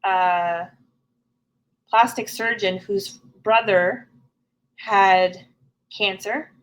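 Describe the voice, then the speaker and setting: A middle-aged Canadian woman appears as a podcast guest in a candid conversational interview, speaking earnestly, frankly and plainly. Her voice is mid-range with fairly even intonation, and she talks extremely slowly. The recording quality is low.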